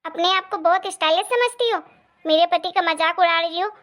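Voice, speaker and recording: A woman voicing a bossy, quick-tempered sister-in-law in a cartoon story, sharp and scolding. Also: very high voice, fairly even intonation. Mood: angry.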